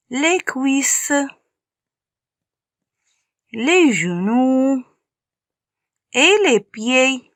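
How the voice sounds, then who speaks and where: A woman's voice: a little high, sharp tone, no echo, studio quality. A woman teaching young children to read, sounding out letters and syllables one by one and stressing each sound. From Morocco. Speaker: primary school teacher. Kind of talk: slow phonics lesson for young children.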